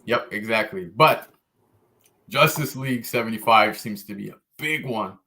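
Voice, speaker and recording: Male podcast host, low voice, relaxed and enthusiastic, casual chat. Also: normal speed, creaky. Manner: laid-back, enthusiastic, frequent fillers.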